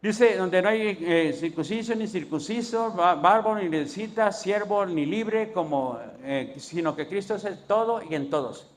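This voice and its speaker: A man preaching a sermon as pastor, asking rhetorical questions and answering them, swinging between loud emphasis and low, quiet endings. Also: a little slow, few pauses.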